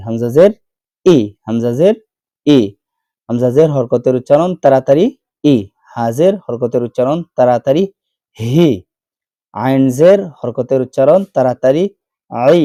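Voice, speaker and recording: A man's voice: medium pitch, mellow, no echo, dull audio. Man drilling Quran letter sounds. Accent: Bangladeshi Bengali. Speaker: Quran reading teacher. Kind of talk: online recitation lesson.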